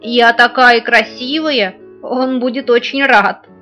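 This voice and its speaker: A woman voicing a proud, slow-talking toy frog. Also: fairly high pitch, steady tone. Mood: eager. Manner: slow, loud and offended. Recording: dull lo-fi recording, faint guitar.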